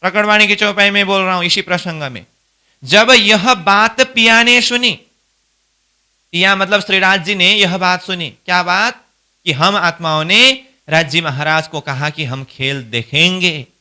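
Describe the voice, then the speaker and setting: A spiritual instructor with a high, very bright, sharp voice leads a devotional scripture class without hurrying. He unpacks each verse by posing questions and answering them himself, sounding smooth and crisp, with fairly even intonation.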